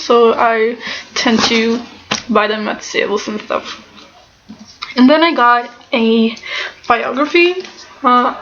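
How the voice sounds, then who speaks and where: A woman chats casually and haltingly about her things, sounding nasal and stuffed up, as if with a broken nose. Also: on the high side, a bit bright, slight background noise. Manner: halting, often breaking into small laughs. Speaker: book vlogger. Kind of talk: casual chatty book haul. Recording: slightly dull, lo-fi sound.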